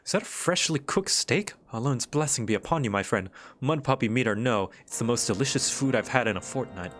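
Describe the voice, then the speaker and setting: A man's voice: medium pitch, lively intonation, a little fast, fairly bright tone, lightly acted. Man as weary courteous knight, fantasy game, formal old-fashioned phrasing, read aloud, music in background. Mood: courteous, wry.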